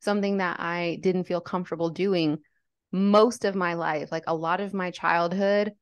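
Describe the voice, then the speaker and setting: On a podcast, a young adult Lebanese woman talks openly about her experiences, sincere and thoughtful, with "like" sprinkled throughout. Her smooth voice sits on the low side, with fairly even intonation at a normal speed, and the audio has no echo.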